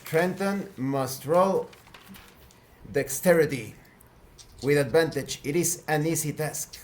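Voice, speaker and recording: A man narrating as game master of a tabletop game, measured and a little halting. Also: a little high, a little mellow.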